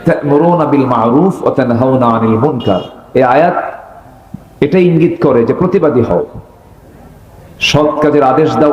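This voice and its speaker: A man's voice: medium pitch, darkish tone, roomy sound, highs cut off, slight background noise. A man preaching a sermon with fire, throwing rhetorical questions at the gathering. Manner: fiery, rhetorical questions to the crowd. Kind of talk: Bengali waz sermon.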